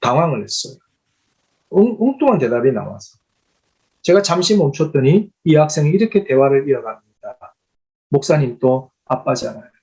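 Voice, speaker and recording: A middle-aged man preaches to a conference in an earnest, storytelling manner. His voice sits a little high for a man, and he leans hard on key words. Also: big pitch swings, moderate pace, a little mellow, poor audio. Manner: earnest, emphatic storyteller acting out quotes. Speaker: pastor. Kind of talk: sermon storytelling.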